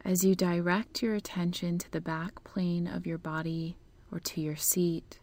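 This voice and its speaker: A woman leading a guided meditation in a slow, soft voice that often drops into a whisper. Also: fairly low pitch, fairly even intonation, dry recording.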